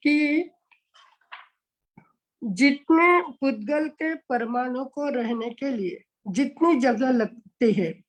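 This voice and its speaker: A woman's voice: sits high, darkish tone, rough recording. A Jain nun teaching scripture in a lecture over an online video call, explaining step by step and often asking a question before she answers it. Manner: explanatory, poses questions then answers them. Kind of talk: religious lecture.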